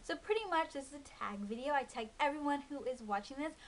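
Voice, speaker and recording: Talking fast in a high-sitting voice, a woman in her early twenties rambles to camera as a beauty vlogger, full of ums and likes, with faint hiss on the recording.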